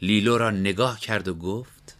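Guy with a lowish voice reading a story, steady and even. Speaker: narrator. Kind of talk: scripted story narration.

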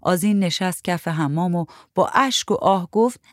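A woman reads a literary short story aloud in a measured, even manner, her voice low for a woman. The recording is dry and close, with no room sound.

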